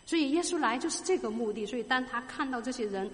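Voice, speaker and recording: A woman's voice: a little high, animated, fast, in a large hall. A woman preaching a sermon, explaining a scripture passage with rhetorical questions to her listeners and growing emphatic on key points. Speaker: Bible teacher.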